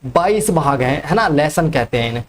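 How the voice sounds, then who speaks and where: A man's voice: a little high, expressive, a little fast. A male teacher giving an exam-prep lecture, who keeps asking questions and then answering them himself, repeating the key facts and often adding "ठीक है".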